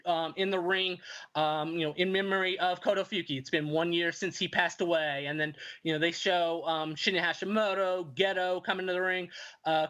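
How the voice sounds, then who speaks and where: A man's voice: high voice, bright, forceful tone. A man hosting a casual talk show, recounting old events in a rambling way full of ums, restarts and fillers. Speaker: wrestling history podcast host. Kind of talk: casual retrospective commentary.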